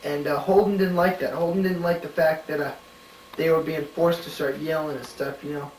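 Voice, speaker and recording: A man giving casual spoken answers to study questions, halting and full of "you know" and "um", thinking aloud as he searches a book. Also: a little high, steady tone, slight background noise. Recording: roomy home recording from a distant mic.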